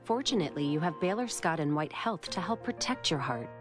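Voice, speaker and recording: A woman's voice: low voice, expressive, brisk, over music. A woman reading a scripted health care commercial as an announcer. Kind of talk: scripted ad read.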